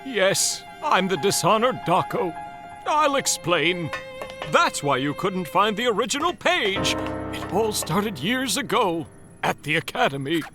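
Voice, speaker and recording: Daco, an earnest moose scientist. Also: male voice, high-pitched, big pitch swings, a little slow, music in the background. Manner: eager lecturing, nervous laughs. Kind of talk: cartoon voice acting.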